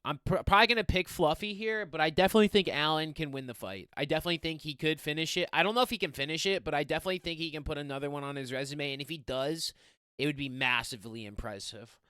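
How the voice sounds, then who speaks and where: A young man hosting a casual fight-picks show, rambling excitedly with lots of slang. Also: fairly high pitch, smooth, dry recording, studio quality. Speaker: MMA fight picks host. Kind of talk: casual fight preview monologue.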